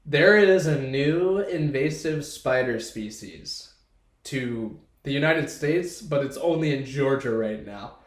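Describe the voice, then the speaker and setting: In an echoey room, a congested young co-host talks loosely and rambles through casual podcast chat. His medium-pitched voice is lively in intonation but slow in pace.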